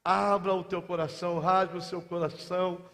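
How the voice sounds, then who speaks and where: A man with a Brazilian Portuguese accent preaching a sermon as pastor, fervent, moving between soft intimate asides and loud shouted passages. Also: sits high, little pitch movement, moderate pace, creaky. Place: large church hall. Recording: long church hall reverb.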